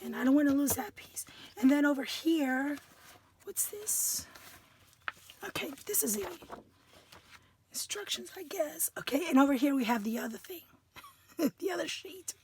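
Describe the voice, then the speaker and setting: Giggly high-voiced woman unboxing crafts. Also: animated, normal speed, pauses often, a little hiss or hum. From United States. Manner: chatty, giggly, self-mocking, stumbles over words. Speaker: craft vlogger. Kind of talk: casual product unboxing.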